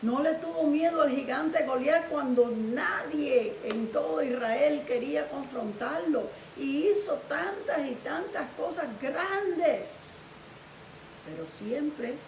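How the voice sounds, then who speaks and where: A woman pastor telling a sermon story with lively animation. Her high voice echoes around the room, caught by a distant mic over a faint hiss. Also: takes it slowly, creaky.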